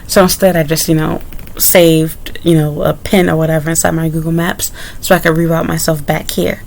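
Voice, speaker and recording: Speaking straight to camera in a casual story-time monologue, a young English-speaking vlogger recounts an ordeal in a loose, candid way full of asides. Her delivery is flat and moderately paced, her fairly low voice gravelly with fry and a little mellow, with slight background noise.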